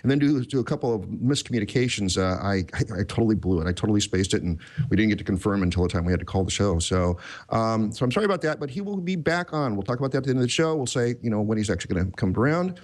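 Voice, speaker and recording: A man's voice: on the low side, expressive, racing, a little mellow. A man hosting a tech podcast in casual chat, rambling and self-deprecating, with many restarts. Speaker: podcast host.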